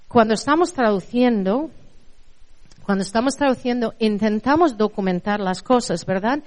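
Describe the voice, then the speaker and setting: A middle-aged woman from Spain with a Spanish accent, giving a conversational university lecture on translation and often checking in with her audience. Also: mid-range voice. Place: lecture hall. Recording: reverberant hall.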